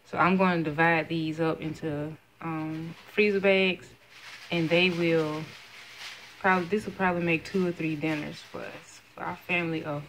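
In a poor-quality phone clip with slight background noise, a vlogger in her thirties displays her grocery haul item by item in her kitchen, chatting about each price. Her voice sits low with fairly even intonation and a fairly bright tone, moving at normal speed, and the phone camera is held close.

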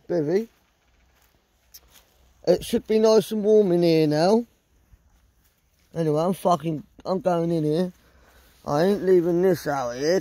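This casual vlog, recorded on a close-held phone inside a small tent in the woods at night, has a middle-aged man with a southern English accent rambling bluntly and swearing plenty. His voice is high-pitched and a little mellow, and the recording quality is low.

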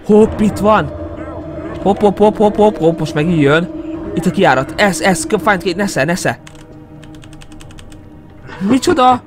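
Young hungarian guy yelling through a horror game on a headset, high voice, swings up and down a lot, faint game music. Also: long pauses. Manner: jumpy, excitable, yelps and mutters to himself. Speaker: gaming YouTuber. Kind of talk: horror game let's play commentary.

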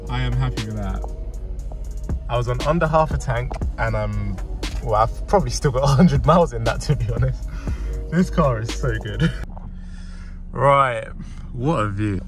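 A man's voice: mid-range voice, normal speed, long pauses, music in the background. Chatty young man in a car. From England. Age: young adult. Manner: upbeat, chatty, laughs often. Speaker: car vlogger. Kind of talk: casual vlog talk to camera. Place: inside a car, driving. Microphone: phone camera on dashboard.

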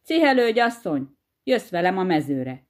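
A woman voicing a sly, unhurried male hedgehog farmer in a storybook tale, crafty and bossy. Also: fairly low pitch, big pitch swings, a little mellow. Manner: easygoing, crafty, bossy to his wife.

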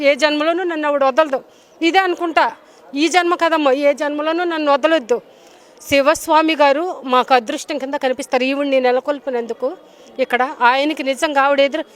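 A tearful woman pours out a devotional testimony in a high, quick voice. Her words tumble out fervent and pleading, each point pressed home with emphasis. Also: fairly bright tone. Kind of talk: emotional testimonial to a reporter. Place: temple grounds.

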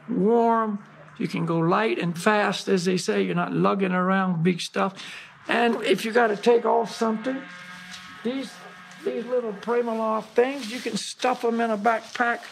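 A man's voice: sits high, creaky, a little hiss or hum. A man hosting a mountain gear show, casually demonstrating clothing in a folksy, emphatic way with lots of fillers. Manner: folksy, emphatic, with many "you know" fillers.

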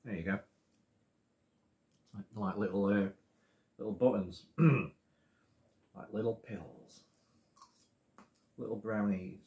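A middle-aged man with his mouth partly full, reviewing ice cream in a relaxed, casual way, humming and chewing between words. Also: lowish voice, slow pace, vocal fry, pauses often, roomy sound, narrow, tinny audio. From Australia. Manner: relaxed, swears casually, chews and hums between bites. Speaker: food reviewer. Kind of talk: casual food review vlog.

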